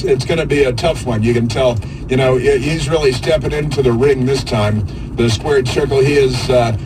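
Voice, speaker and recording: A man hosting conservative political talk radio, delivering a halting, rambling monologue in a sarcastic, mocking manner. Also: mid-range voice, background noise. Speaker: radio talk show host.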